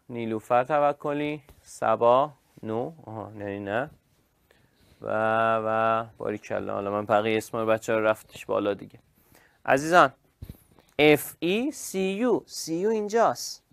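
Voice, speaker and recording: A man teaching an online chemistry class, lively and praising his students by name. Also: mid-range voice, creaky, no echo.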